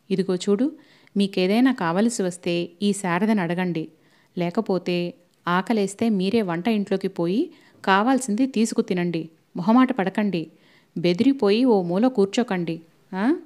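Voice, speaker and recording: A woman doing a blustering gruff older man. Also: mid-range voice, a little mellow, natural voice. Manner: blustering, threatening.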